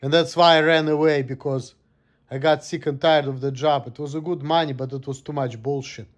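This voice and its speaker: A man's voice: fairly high pitch, fairly even intonation, brisk. Gloomy, cursing man in his thirties. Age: 30s. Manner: gloomy, profane venting. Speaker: vlogger. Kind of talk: casual monologue.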